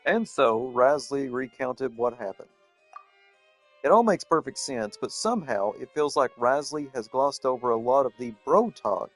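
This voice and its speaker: A man commenting on a video game as he plays, excitable and gushing. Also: mid-range voice, normal speed, husky, faint music behind. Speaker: gaming streamer. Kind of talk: gameplay commentary.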